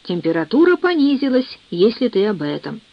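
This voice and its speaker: A woman's voice: on the high side, big pitch swings, normal speed, no room sound. A woman voicing a brusque, coarse professional nurse who speaks bluntly, in a dull, dry recording.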